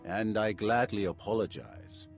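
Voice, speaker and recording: An actor playing a grave, menacing dark lord in a video game, speaking solemnly and formally. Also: male voice, fairly low pitch, animated, a little slow, creaky, soft background music. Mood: grave, ominous. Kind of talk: dramatic video game acting.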